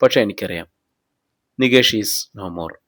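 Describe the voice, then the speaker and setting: A man's voice: fairly low pitch, takes it slowly, a bit bright, dry recording. A man reading as a shrewd, probing police officer. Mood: pressing. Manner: probing, pressing questions.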